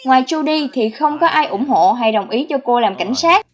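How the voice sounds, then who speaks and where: The narrator of a film countdown channel, a woman with a high, animated voice, reads scripted voice-over narration for a countdown video at a moderate pace.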